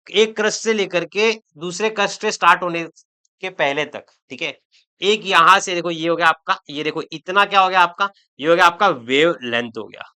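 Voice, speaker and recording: A man's voice: sits high, sharp tone, clear, resonant tone. A man teaching chemistry in an online lecture, chatty and joking with students, repeating words for emphasis. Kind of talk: online exam-prep lecture.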